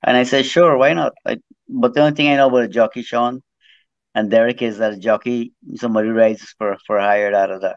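On a video call, a middle-aged guest who used to be a jockey shares his life story from Trinidad and his Guyanese upbringing, meandering and repeating himself as he goes. He speaks a little fast at a medium pitch with fairly even intonation, in a dry, slightly dull recording.

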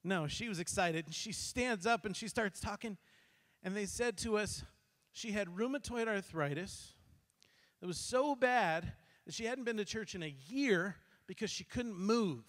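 High-voiced man preaching in an echoey hall. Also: unhurried. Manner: animated, acts out quotes, frequent restarts. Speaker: pastor. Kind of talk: sermon storytelling. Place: church sanctuary. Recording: long hall reverb.

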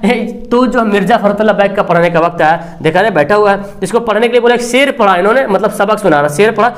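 High-voiced man teaching a story. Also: fast talker. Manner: animated storytelling, acting out quoted lines; repeats filler tag "theek hai na". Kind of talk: lecture explaining a story.

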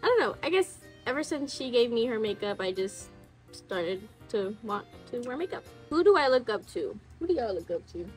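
A woman's voice: fairly high pitch, sing-song, normal speed, faint music behind. A woman in her twenties hosting a casual chat, reading messages aloud and commenting in an informal, slangy way. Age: 20s. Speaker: host reading viewer confessions.

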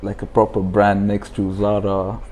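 This is relaxed interview talk from a man in his twenties from the UAE who founded a clothing brand. Miked with a lapel mic in a furnished indoor lounge, he explains things in a fairly low, slightly mellow voice, completely flat and at a moderate pace, with soft music in the background.

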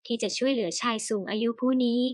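A woman narrating a novel as an audiobook, reading in a steady storytelling way. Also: fairly high pitch, quick pace, no echo.

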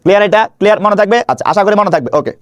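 A man's voice: high voice, expressive, rapid-fire, no room sound, clean studio sound. A man teaching Bangla grammar in an online video lesson, drilling students with repeated questions and answers. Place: indoor room.

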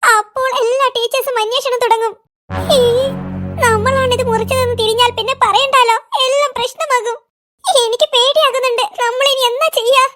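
A jittery cartoon schoolboy who schemes in hushed, fretful tones, as a voice artist plays him. His voice is very high and squeaky. It is comic cartoon dubbing. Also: steady tone, normal speed, faint music behind. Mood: nervous. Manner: nervous, whispering plotter. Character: scheming schoolboy hiding cut hair.

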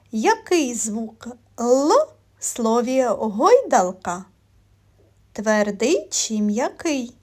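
Woman, speech therapist, children's lesson, slow deliberate questions, fairly high voice. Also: darkish tone. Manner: encouraging teacher tone, praising.

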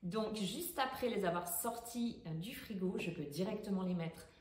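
A middle-aged woman giving a casual, chatty product demonstration in her home kitchen, pausing often with fillers. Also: mid-range voice, lively intonation, a little mellow. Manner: chatty, hesitant with frequent fillers. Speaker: cooking vlogger demonstrating a product.

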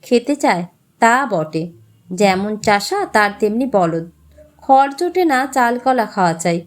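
A woman's voice: fairly high pitch, big pitch swings, slow pace. A woman voicing a scornful old male village priest who mocks and scolds. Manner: mocking, sharp-tongued.

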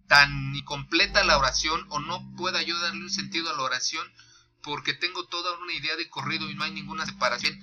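Man, Mexican accent, teacher reading examples aloud, very bright tone, a bit high, soft music behind. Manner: slow, deliberate dictation of examples with punctuation named aloud; thinks aloud with restarts and fillers. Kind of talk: reading a grammar lesson aloud.

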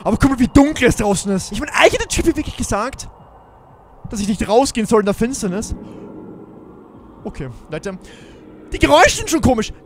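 A man's voice: very high-pitched, big pitch swings, brisk, long pauses, a little hiss or hum. A man giving jumpy, exclaiming commentary on a Minecraft role-play adventure, talking straight to his viewers. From Germany. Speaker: gaming YouTuber.

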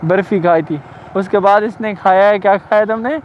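Casting: young Saraiki-accented man, high voice, playful teasing vlogger, muffled bike-cam audio with faint traffic. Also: normal speed. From Pakistan. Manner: teasing, repeats himself, calls out loudly. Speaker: motovlogger. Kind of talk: casual vlog chat. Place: riding a motorbike outdoors in town.

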